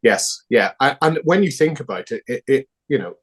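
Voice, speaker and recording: A man's voice: mid-range voice, animated, normal speed, husky. A man with a Northern Irish accent, a founding director answering interview questions thoughtfully, with hesitant fillers. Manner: thoughtful, many fillers and restarts.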